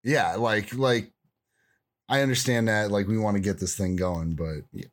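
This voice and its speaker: A man's voice: on the low side, steady tone, moderate pace. A man co-hosting a casual podcast, chatty and jokey, with lots of "like". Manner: chatty, joking, lots of "like" and laughter. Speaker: podcast co-host.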